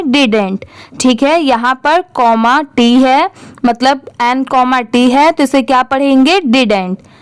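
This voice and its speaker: A woman's voice: sits high, clear, resonant tone, no echo. A young Indian woman teaching English reading, patiently spelling words out letter by letter and then asking how each is read. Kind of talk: slow, patient reading lesson.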